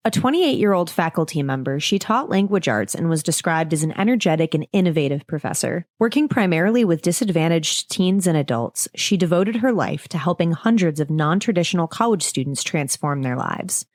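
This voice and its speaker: A woman co-hosting a podcast, reading a true-crime story from a script and breaking off into casual, jokey asides. Her voice sits on the low side, and the close mic gives a dry sound with no room. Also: lively intonation, brisk, hardly any pauses, a little mellow, dry recording. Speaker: podcast co-host.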